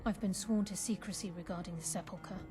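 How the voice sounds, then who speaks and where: A secretive female thief voiced by a woman in a video game. She speaks in a measured, earnest way, asking for trust. Game music plays clearly behind her. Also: on the low side, steady tone, close to an everyday voice. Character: guarded female thief, sworn secret-keeper. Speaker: game character. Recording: game audio under music.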